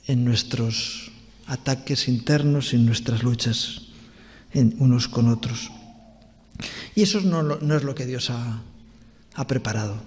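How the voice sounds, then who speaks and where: A man pastor with a Spanish accent preaching a sermon in a church, earnest, with pauses, restarts and rhetorical questions. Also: medium pitch, a little mellow. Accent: Spanish from Spain. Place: church hall. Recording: long church reverb.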